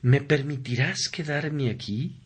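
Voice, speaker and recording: A man's voice: mid-range voice, slow, breathy edge. A tearful pleading son, as a man reads him. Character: remorseful weeping young son, pleading.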